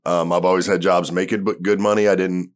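A man's voice: deep voice, little pitch movement, fast. A man in his forties, a stand-up comedian, chatting loosely and rambling with casual swearing. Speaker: stand-up comedian, podcast guest. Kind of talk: casual chat.

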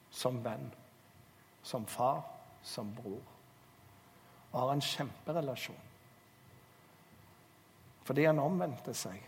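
A man's voice: medium pitch, a little hiss or hum. A man preaching a sermon, telling stories and urging listeners earnestly, recorded in a church hall. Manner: storytelling, earnest exhortation. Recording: long hall reverb.

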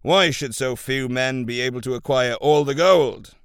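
Guy doing a bossy old-time king, loud and regal, pretty dry sound. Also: medium pitch, moderate pace, clean tone, no echo, natural voice. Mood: commanding. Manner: demanding, regal. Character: commanding ancient male king.

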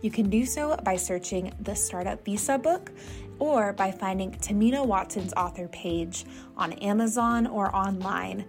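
A woman reading a scripted announcement in a measured, even way. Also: medium pitch. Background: soft music.

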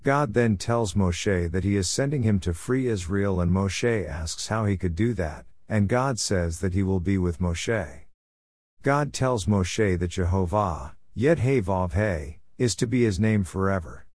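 A man teaching on the week's Torah portion, reading scripture and commentary in a measured, earnest way. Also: low-pitched, a little mellow, no room sound. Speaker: Bible teacher.

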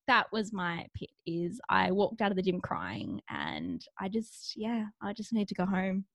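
A young woman, co-hosting a podcast, telling a story in an animated way and laughing often. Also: mid-range voice, a little slow, vocal fry, no echo, highs cut off. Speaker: podcast co-host. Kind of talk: casual chat.

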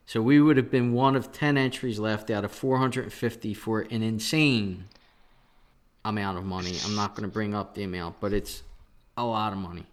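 Animated man venting about a lost bet. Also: fairly low pitch, normal speed. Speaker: podcast host. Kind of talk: casual sports betting chat.

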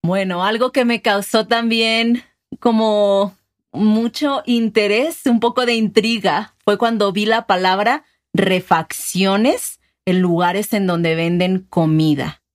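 A woman hosts a relaxed chat at a middle pitch. She explains ideas and keeps asking curious follow-up questions. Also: takes it slowly. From Mexico. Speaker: host. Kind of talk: casual conversation about regional words.

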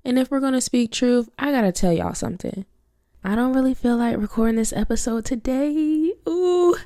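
Her voice is a little high and warm, at a moderate pace, and the recording is dry and studio-clean. She's a young woman hosting a faith-based podcast while congested from a cold, teaching in an earnest, preachy way and repeating her key phrases.

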